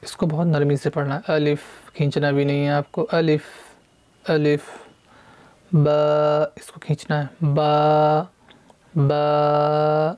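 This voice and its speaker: A man teaching beginners to read the Quran, explaining patiently and reciting letters slowly and drawn out. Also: a little high, flat delivery, a little mellow. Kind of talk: beginner Quran reading lesson.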